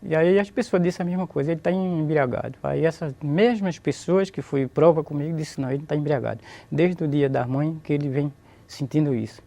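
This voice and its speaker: Here an interviewee, a Brazilian man, tells of his conversion in an emotional religious testimony, often repeating himself and giving praise to God. His pitch is fairly high, and he talks briskly with a gravelly yet warm tone.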